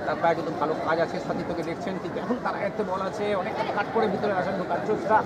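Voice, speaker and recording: Rapid Bengali male football commentator over loud crowd. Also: sits high. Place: outdoor football ground. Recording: very noisy outdoor ground, loud crowd.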